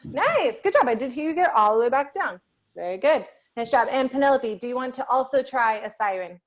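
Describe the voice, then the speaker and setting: Heard over a dull, lo-fi video call, a young adult woman leads children in an online singing lesson. Her high-pitched voice has lively intonation and runs a little fast, chatty and encouraging with plenty of fillers.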